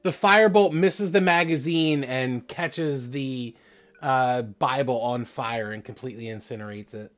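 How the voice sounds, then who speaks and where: A man's voice: mid-range voice, a little slow, fairly bright tone, muffled recording. A man narrating a tabletop game as the game master.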